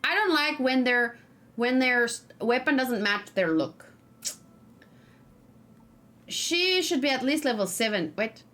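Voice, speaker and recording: Streaming a game as host, a woman talks slowly and pauses often, her high, animated voice carrying a fairly bright tone as she chats casually and mutters to herself. It's a noisy recording with computer keyboard and mouse clicks behind her.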